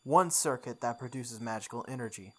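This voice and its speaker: Over game music, a playthrough host performs visual novel narration in a dramatic way. The voice sits at medium pitch and is brisk and fairly bright, with slight background noise.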